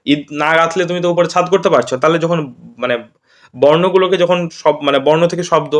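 A man's voice: a little high, brisk. A male teacher from West Bengal giving an exam-prep grammar lesson, constantly checking with "right?" after each point. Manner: repeats "ঠিক আছে?" after each point, quizzing students.

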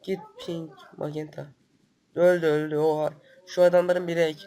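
A man with a cold and a stuffy nose, hosting excitable gameplay commentary, swearing and breaking into loud outbursts. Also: fairly high pitch, moderate pace, noisy background. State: sick with a stuffy nose and cough. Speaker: gaming channel host.

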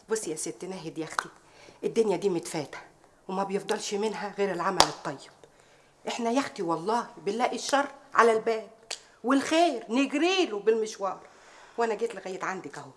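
Actress playing a sharp-tongued Egyptian maid, quick and brash, full of sayings; TV drama. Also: female voice, medium pitch, animated, close to an everyday voice. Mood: sly. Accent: Egyptian Arabic. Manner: proverb-spouting, brash, mocking. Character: bold sharp-tongued Egyptian housemaid, woman, middle-aged. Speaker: housemaid confronting her employer's rival. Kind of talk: TV drama acting.

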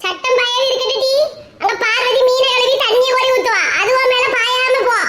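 Shrill brash woman with Kanyakumari accent. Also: a little fast. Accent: Kanyakumari Tamil. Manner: brash, scolding, lively. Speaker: comedy skit creator. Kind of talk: comic family role-play skit.

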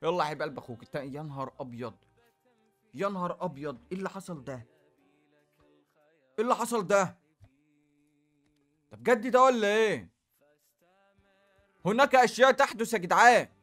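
A man with an Egyptian Arabic accent commenting on opening game packs, animated, jumping between loud outbursts and low muttering. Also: a little fast, pauses often, soft background music. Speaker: gaming YouTuber.

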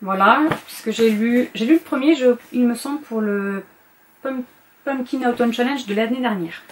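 A woman's voice: a little high, moderate pace, slight background noise. A woman book vlogger in a casual chat to camera, going through her reading list and often hesitating and correcting herself.

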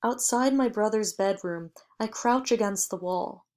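Woman reading an audiobook, slow and steady, mid pitch. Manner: measured, even first-person storytelling. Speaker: audiobook reader. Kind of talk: audiobook narration.

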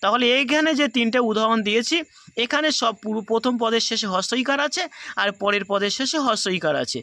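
A man's voice: very high-pitched, bright, forceful tone, dry recording. A man teaching a grammar class, explaining the rules patiently and going over each step again. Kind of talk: recorded class lesson.

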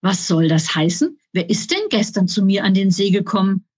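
A woman's voice: mid-range voice, very animated, moderate pace, darkish tone, breathy edge. A woman voicing a snappish grumbling kobold. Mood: indignant. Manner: spits out words, mocking. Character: quarrelsome male kobold, sulky and snappish.

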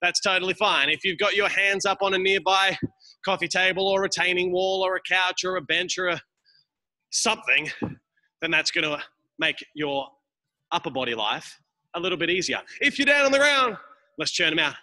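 A man's voice: sits high, normal speed, bright, forceful tone. A man coaching a live workout, teasing and urging people on by name. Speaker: group fitness coach. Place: large gym studio. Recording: echoing gym hall.

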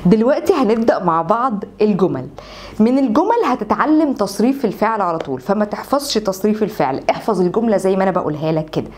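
A young woman with an Egyptian Arabic accent teaching a beginner English lesson, saying example sentences slowly and repeating them for learners to copy. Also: mid-range voice, darkish tone. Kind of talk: online language lesson.

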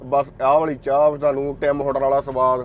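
A Punjabi-accented man, a truck driver, showing his truck and cab in casual chat, eager and quick to agree. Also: medium pitch, flat delivery, highs cut off, noisy background. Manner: eager, agrees often with repeated "bilkul". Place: parked truck and cab, outdoors, then driving.

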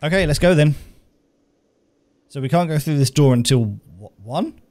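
Male streamer, animated delivery, playful game commentary. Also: fairly high pitch, normal speed. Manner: playful, chuckling, lively. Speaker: gaming streamer. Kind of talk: casual game commentary, reading dialogue choices aloud.

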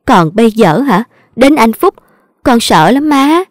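A woman's voice: fairly high pitch, lively intonation, a little slow, no echo, studio quality. A woman with a Southern Vietnamese accent voicing a scheming young daughter-in-law who whines and pleads. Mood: complaining. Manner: whiny, pleading. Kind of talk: audio drama reading.

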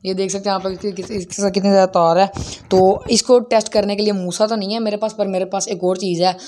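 A man's voice: high-pitched, flat delivery, fast talker, a little mellow, slight background noise. A man, chatting to viewers in a casual unboxing and mic-test vlog. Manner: chatty, talks straight to viewers, many fillers. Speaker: vlogger.

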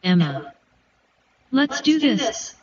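Give me a flat synthetic woman's voice reading a script, muffled and lo-fi. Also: fairly high pitch, drawn-out words, a crowd in the background. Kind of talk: text-to-speech script reading.

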